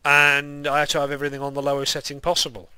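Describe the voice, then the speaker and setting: A man's voice: fairly high pitch, monotone, quick pace, bright, forceful tone, clean tone, no echo. A young man with a lisp and whistling s sounds, giving casual, rambling, self-deprecating game commentary. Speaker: gaming video maker.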